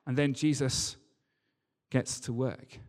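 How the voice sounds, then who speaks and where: A slow, slightly mellow mid-range voice with fairly even intonation carries this sermon. The preacher reads scripture and discusses it informally, his words echoing with long reverb through a large church hall.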